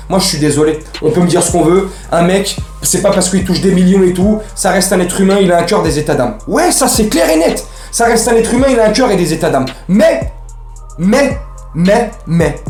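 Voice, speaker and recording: A man's voice: high-pitched, darkish tone, roomy sound. A man hosting a casual football fan vlog, ranting in slangy, rambling speech. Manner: slangy, heated, rambling with restarts.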